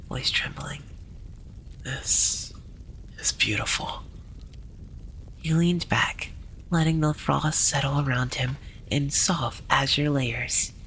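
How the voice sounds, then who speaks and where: A storyteller narrating a scripted tale in a gentle, hushed ASMR library whisper, often slipping into breathy whispering. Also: mid-range voice, slight background noise, low-quality recording.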